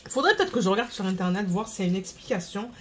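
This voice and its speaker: A woman's voice: medium pitch, animated, very fast. Female vlogger, casual rambling chat with faint noise under it. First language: French. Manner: rambling, stops to search for words.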